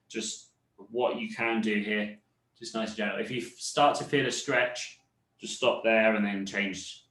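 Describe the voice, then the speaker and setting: A man instructor guiding a seated fitness cool-down, explaining calmly and correcting himself as he goes. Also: fairly low pitch, roomy sound, low-quality recording. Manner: calm, explanatory, self-correcting. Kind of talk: leading a seated cool-down class.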